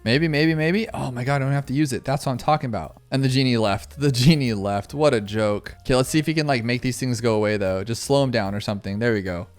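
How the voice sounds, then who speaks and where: Young male gaming host, excitable, mid-pitched, chatty play-by-play with faint music underneath. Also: fast, few pauses. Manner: excitable, exclaims often, talks to himself and viewers. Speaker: gaming YouTuber. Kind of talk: excited gameplay commentary.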